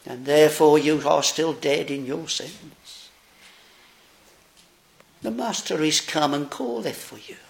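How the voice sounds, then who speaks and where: A man preaching a sermon, slow, solemn and earnest. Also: a little high, vocal fry.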